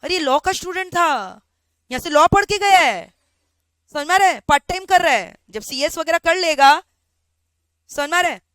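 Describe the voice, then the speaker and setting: Her voice is extremely high, moving at a moderate pace with long pauses and no echo at all. She's teaching a law class in an animated way, playing both sides of a story and often asking "samajh mein aa raha hai?" to check that students follow.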